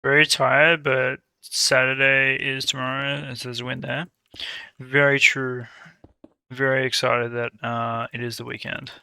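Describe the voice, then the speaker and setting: Slow-talking bright-voiced male streamer. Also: little pitch movement, creaky, clean tone, no room sound. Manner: greets chat viewers by name, easygoing and low-key. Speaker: game streamer. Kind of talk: casual live-stream chat while playing.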